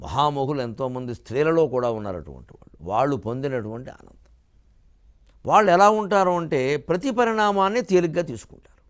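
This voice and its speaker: An older man giving a televised spiritual discourse, reciting verses in a slow drawn-out chant and rising sharply in pitch for emphasis. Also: big pitch swings. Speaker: spiritual lecturer.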